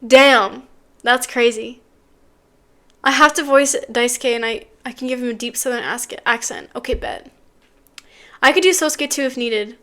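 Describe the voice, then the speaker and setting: A young woman streaming, chatting casually in a bubbly, excitable way with quick asides. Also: fairly high pitch. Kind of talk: casual live-stream chat.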